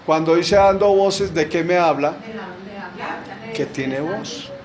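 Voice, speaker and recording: A man's voice: a little high, takes it slowly, darkish tone, low-quality recording. A middle-aged man preaching a sermon in a church, asking rhetorical questions and answering them with emphasis.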